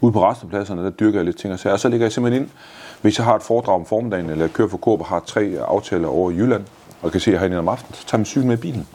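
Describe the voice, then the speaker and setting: Interview guest, man in his 50s, very low husky voice, blunt and swearing. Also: warm tone. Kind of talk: casual interview answers.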